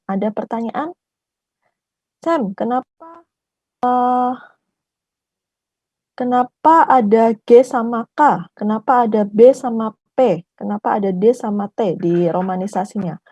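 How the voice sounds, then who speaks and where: A woman teaching an online language class, patiently repeating each syllable slowly for her learners. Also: fairly high pitch, mellow, dry recording.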